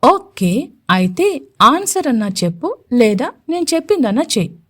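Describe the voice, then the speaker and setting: A woman's voice: high voice, sing-song, moderate pace, a bit bright, heavily acted. A woman voicing a playful, teasing young male CEO who keeps pressing his sweetheart, insistent and mischievous.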